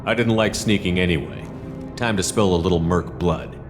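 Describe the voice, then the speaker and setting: An actor playing a tough human military commander in a video game, terse and confident. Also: male voice, low-pitched, normal speed, natural voice. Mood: dry, confident. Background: game music.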